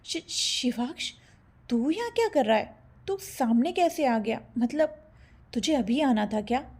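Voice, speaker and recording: A playful young male college student who turns sheepish and stammering when caught out, voiced by a woman narrating an audio story. The voice sits fairly high with a dark, husky tone. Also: measured pace. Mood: flustered.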